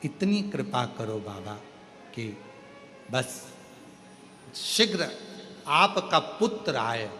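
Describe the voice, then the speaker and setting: A male preacher voicing a humble demon who quietly begs for mercy. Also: steady tone, slow, pauses often. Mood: pleading. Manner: soft, low and begging. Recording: reverberant hall with faint music.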